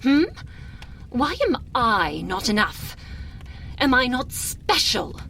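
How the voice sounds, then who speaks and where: A woman's voice: fairly high pitch, very animated, slow, creaky, sharp tone, a little hiss or hum, exaggerated voice. A woman playing an imperious, seductive aristocratic vampire lady with wounded pride, in a languid, theatrical ASMR roleplay, close to the microphone and drifting into near-whispers. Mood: indignant, proud. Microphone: close binaural microphone.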